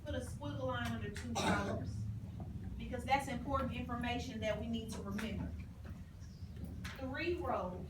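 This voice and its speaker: A high-pitched woman teacher instructs a classroom in firm, proctor-like directives. She counts down and repeats her orders in short phrases. The recording is echoey, picked up from a distance, with clear room noise. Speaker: second-grade teacher. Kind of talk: classroom instruction with call-and-response prompts.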